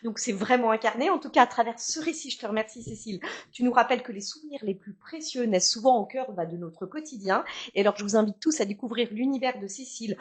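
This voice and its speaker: A woman's voice: on the high side, fast, husky. A woman hosting a talk show, friendly as she thanks her guest and speaks to the audience. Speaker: host.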